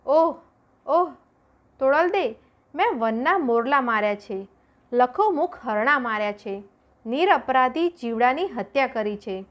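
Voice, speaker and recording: A woman's voice: fairly high pitch, expressive, measured pace. A woman voicing a boastful male warrior now terrified, wailing and pleading as a storm threatens his ship. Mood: confessing. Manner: panicked wailing.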